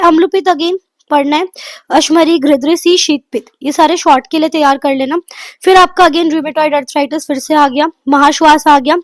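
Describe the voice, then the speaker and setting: A woman giving a quick exam revision lecture, running through lists of topics and mixing in English terms. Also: high voice, dry recording. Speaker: exam prep tutor.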